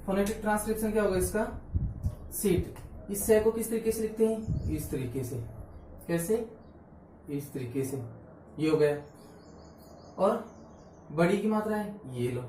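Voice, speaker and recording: A man teaches phonetics at the board, asking questions and answering them himself. His voice is mellow and sits back from the microphone. The room rings with echo, and faint room noise stays underneath. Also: sits high. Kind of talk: blackboard phonetics lesson. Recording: roomy echo, mic far off.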